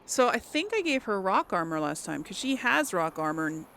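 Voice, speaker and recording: A woman with a medium-pitched, sing-song, somewhat bright voice talks at normal speed through a role-play playthrough she's hosting. Her commentary is casual and hesitant, thinking aloud and often trailing off, over a little hiss or hum.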